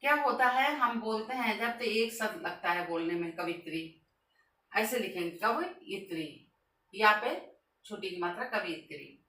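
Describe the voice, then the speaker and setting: A woman teaching Hindi grammar in a lesson on spelling, repeating each word slowly and stressing the correct form. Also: medium pitch, lively intonation, sharp tone. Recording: echoey room, voice from a distance.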